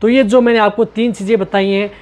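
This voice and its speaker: A man's voice: high voice, fairly even intonation, quick pace, a little mellow. Man patiently explaining goat care. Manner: patient, repetitive step-by-step explaining. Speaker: goat care channel host. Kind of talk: instructional talk on goat health.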